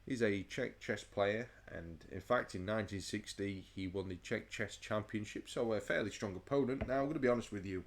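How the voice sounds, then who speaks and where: A man's voice: on the low side, fairly quick, few pauses. A man casually commentating a chess game, rambling and stammering through restarts while overheated and sweating. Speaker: chess channel host.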